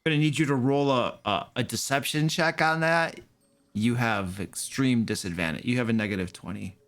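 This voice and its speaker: A man's voice: mid-range voice, moderate pace, fairly bright tone. A man running a tabletop game as game master, teasing his players and laughing often. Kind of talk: casual tabletop game chat.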